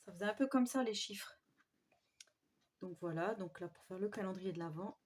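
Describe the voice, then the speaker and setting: A woman at a mid pitch talks through her craft purchases in a soft, admiring way. Her speech is casual and unhurried, full of small hesitations and fillers. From France. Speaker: scrapbooking vlogger. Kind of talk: casual show-and-tell haul.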